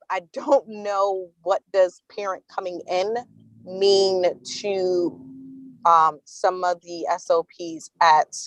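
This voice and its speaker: A woman's voice: lowish voice, fairly bright tone, no echo, poor audio. A woman speaking on a car speakerphone while driving, joining a committee meeting call. She talks hesitantly, with many fillers and restarts. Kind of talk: casual meeting discussion on a call. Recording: dry speakerphone audio from a car.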